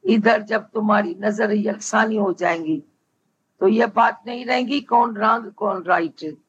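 A woman spiritual teacher giving a devotional discourse, speaking slowly and deliberately and repeating her key phrases. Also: medium pitch. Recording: dull lo-fi with faint background hum.

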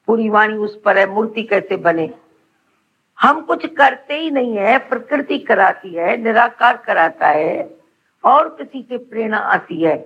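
A woman's voice: on the high side, dull audio, slight background noise. A woman giving an earnest devotional sermon as a spiritual teacher, pressing her listeners with rhetorical questions.

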